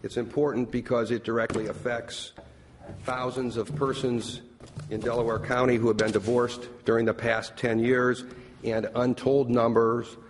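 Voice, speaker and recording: A man with a lowish, creaky voice makes a formal legal argument in measured, deferential phrases. He is recorded in a reverberant courtroom with faint background noise. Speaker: lawyer arguing an appeal. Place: large courtroom.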